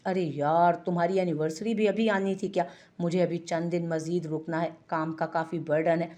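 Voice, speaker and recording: महिला द्वारा पढ़ा गया मज़ाकिया युवा दोस्त. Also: female voice, fairly low pitch, fairly even intonation, moderate pace, mellow, lightly acted. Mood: bantering. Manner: bantering, argumentative. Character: jokey young male friend abroad. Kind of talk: audiobook character voice.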